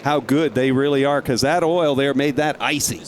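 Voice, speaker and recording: A man working as a co-announcer, calling a race live in an animated, exclamatory way as a race caller. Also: mid-range voice, normal speed. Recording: clear engine noise behind. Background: race cars.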